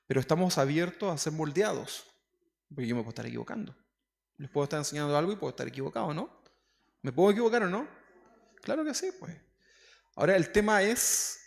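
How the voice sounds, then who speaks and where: This Chilean pastor has a fairly high, creaky voice as he preaches to his congregation in a church hall. He keeps things casual and frequently asks the people questions, and the hall adds a long reverb.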